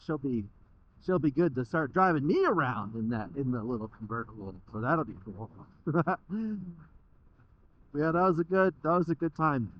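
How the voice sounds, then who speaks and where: A young American man rambles casually from inside his motorcycle helmet. His voice sits slightly high and moves around a lot in pitch. The helmet microphone gives it a dull, muffled sound, and his talk is informal and peppered with swearing. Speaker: motovlogger riding a motorcycle. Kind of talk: casual motovlog monologue.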